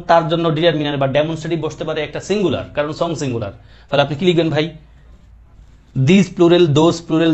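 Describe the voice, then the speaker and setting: A man's voice: a little high, dull audio. A man teaching English grammar in an online exam-prep class, explaining patiently and checking in with his students.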